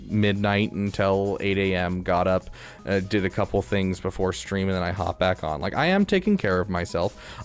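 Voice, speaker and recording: Low-voiced chatty male streamer. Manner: rambling, filler-heavy, chatty. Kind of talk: casual gaming stream chat.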